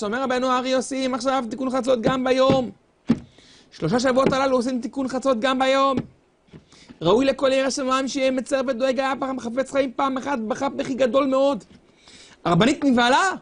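A man gives a fervent sermon in a high-pitched voice. His delivery rises and falls in a sing-song preaching cadence. He stretches some phrases into long, wailing cries. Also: fairly bright tone.

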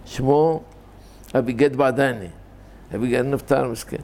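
An older man giving an informal scholarly talk on how scripture is read, explaining deliberately and repeating and correcting himself as he goes. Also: medium pitch, steady tone, a little mellow. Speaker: religious teacher.

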